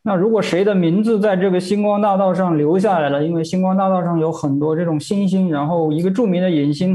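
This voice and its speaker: Man, sermon interpreter, fairly high voice, dark mellow tone, hesitant with fillers. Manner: hesitant, many fillers and repeated words.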